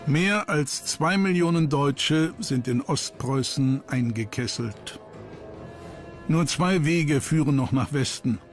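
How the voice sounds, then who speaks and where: Slow, grave male documentary narrator. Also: fairly high pitch. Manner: sober, grave, measured. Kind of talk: scripted history documentary narration. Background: background music.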